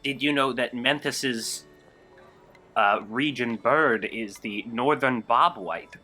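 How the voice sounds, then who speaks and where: Man, tabletop player, earnest, thinks aloud, bright tone. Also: mid-range voice, takes it slowly, faint music behind. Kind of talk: casual tabletop play.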